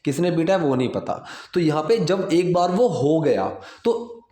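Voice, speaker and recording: A man's voice: on the high side, expressive, unhurried, mellow, roomy sound. A man teaching English grammar in Hindi, patiently breaking each sentence into steps and repeating key phrases.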